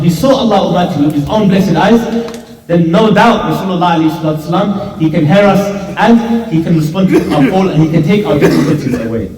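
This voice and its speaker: A man preaches as imam in a fairly high voice, leaning hard on repeated phrases. His words echo through a mosque hall with a long, ringing reverb, picked up from far across the room. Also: darkish tone. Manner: emphatic, repeats phrases for stress. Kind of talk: Friday sermon.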